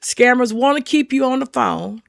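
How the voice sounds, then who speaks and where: A woman's voice: a little high, moderate pace, creaky, dry recording, clean studio sound. A middle-aged woman giving earnest, folksy advice to camera, repeating her warnings for emphasis. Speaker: senior safety channel host. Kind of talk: casual advice talk to camera.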